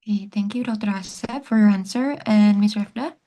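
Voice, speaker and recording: A woman moderating an online panel, brisk and polite. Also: mid-range voice, mellow.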